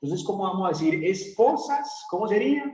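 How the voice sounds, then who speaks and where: Animated Spanish-speaking male English teacher. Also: sits high, a little hiss or hum. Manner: switches between Spanish and English, asks the class questions; draws out example words slowly. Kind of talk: classroom grammar lesson. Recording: echoey room, dull lo-fi sound.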